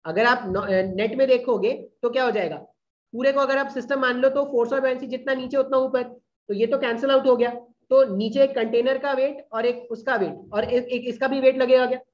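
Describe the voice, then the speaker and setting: A man's voice: very high-pitched, fairly even intonation, moderate pace. A man teaching a class in a casual way, often checking whether the students follow. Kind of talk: classroom lecture. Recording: dull lo-fi recording.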